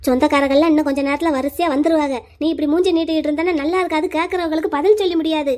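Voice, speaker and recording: A woman's voice: sits high, steady tone, racing, darkish tone, lightly acted. A woman voicing an older village mother in a cartoon, coaxing and scolding her grown daughter.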